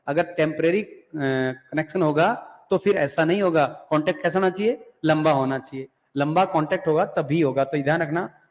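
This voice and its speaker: Male lecturer with a high voice, echoing classroom. He reads terms slowly and repeats himself. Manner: asks and answers his own questions, repeats key terms; reads English terms slowly, explains in Hindi. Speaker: English teacher.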